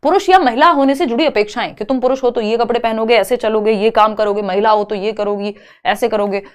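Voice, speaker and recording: Woman, exam prep teacher, higher voice, asks and answers her own questions. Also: fairly quick, clean tone. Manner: explains questions step by step, asks and answers herself. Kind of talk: online lecture.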